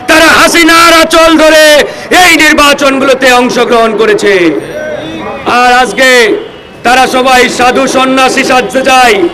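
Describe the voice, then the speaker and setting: A man's voice: very high-pitched, pushed and bright, low-quality recording. A Bangladeshi man delivering an impassioned political speech in the declamatory manner of a soapbox orator, addressing his supporters. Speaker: political activist speaker. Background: crowd of supporters.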